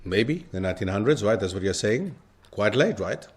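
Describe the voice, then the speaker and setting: In a lecture hall, a man whose lowish voice is sing-song and slightly rough speaks at a moderate pace to a live audience. His lecture is interactive, punctuated by frequent questions that quiz the listeners.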